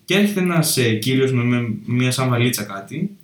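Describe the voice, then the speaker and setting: A man's voice: medium pitch, animated. A young man from Alexandroupoli co-hosting a casual podcast, telling stories in a rambling, self-correcting, profane way. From Alexandroupoli, Greece. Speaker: podcast co-host, comedian. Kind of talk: casual chat. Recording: echoey room, mic at a distance.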